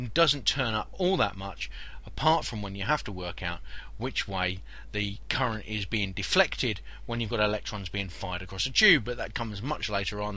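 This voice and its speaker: A man's voice: medium pitch, sharp tone. A man giving an informal physics lesson as a podcast teacher, conversational and repeating key points for emphasis. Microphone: body-worn mic near the shirt.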